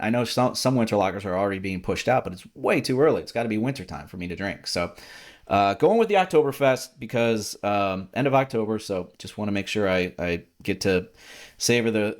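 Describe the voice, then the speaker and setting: A man with a fairly low voice hosts a podcast in a relaxed, talkative way. He rambles through casual chat, piling on fillers and repeating his words as he goes.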